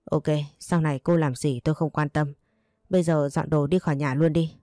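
A woman's voice: deep voice, fairly even intonation, moderate pace, dark tone, no room sound, natural voice. Cold husband, read by a woman, curt, dismissive, dry close sound, audio story. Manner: curt and indifferent. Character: cold, dismissive young husband leaving his wife.

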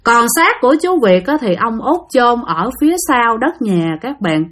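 A woman's voice: fairly high pitch, sing-song, normal speed, fairly bright tone. A woman with a Southern Vietnamese accent telling a ghost story in a chatty, conversational way, often trailing her phrases.

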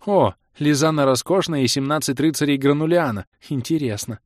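A man's voice: on the high side, brisk, no echo, studio quality, pitched above the performer's own voice, close to an everyday voice. A man voicing a distracted, bookish male healer in an audiobook. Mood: curious.

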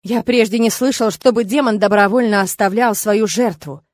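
A woman's voice: mid-range voice, moderate pace, darkish tone, dry recording, studio quality, lightly acted. A woman voicing a tense young male inquisitor who speaks urgently in an audiobook. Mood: nervous. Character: tense young man, warrior inquisitor, anxious.

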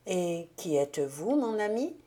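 A grave, tender stranger speaks with quiet earnestness, read aloud by a woman in her own voice. The voice sits low and unhurried, with a mellow tone. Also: sing-song. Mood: earnest, tender.

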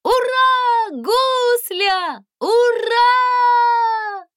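A bold, spirited young princess, as a woman narrator puts her on, urgent and commanding in a storybook reading. Her voice rings high and lively over a dry, close recording. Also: measured pace, no echo. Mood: jubilant.

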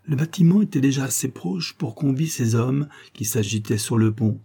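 A man reading a classic novel aloud as scripted narration in a steady, dramatic manner. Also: mid-range voice, normal speed, gravelly, husky. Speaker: audiobook reader.

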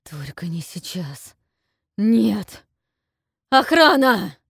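A guilt-ridden young man bursts out in strained, hoarse cries and pleas, as a woman narrator puts him on. The storybook voice rises sharply above her usual reading. The sound is dry and close. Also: fairly low pitch, lively intonation, a little slow, warm tone, no room sound. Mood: frantic. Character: desperate young man, anguished, tormented by guilt.

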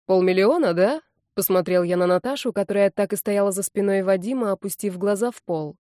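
A woman narrating an audiobook in an even storytelling voice. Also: medium pitch, fast, no room sound, clean studio sound. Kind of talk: audiobook reading.

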